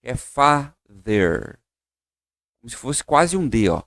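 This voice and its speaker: A Brazilian man teaching English online, upbeat and encouraging, drilling slow repetitions of words. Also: medium pitch, big pitch swings, creaky, no room sound, clean studio sound. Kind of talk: online English lesson for Portuguese speakers.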